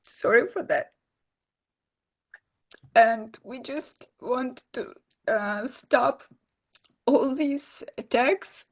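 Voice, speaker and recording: An emotional woman from Ukraine with a Ukrainian accent, speaking haltingly and from the heart on a video call from her home. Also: fairly high pitch. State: emotional, close to tears. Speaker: invited speaker. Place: home without electricity, lit by a candle.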